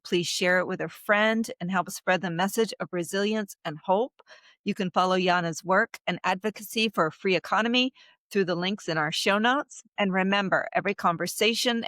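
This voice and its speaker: A woman hosting a podcast, warmly admiring her guest and reading a scripted closing. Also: medium pitch, dry recording, clean studio sound. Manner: warm, admiring, emphatic. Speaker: podcast host. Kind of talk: interview and scripted outro.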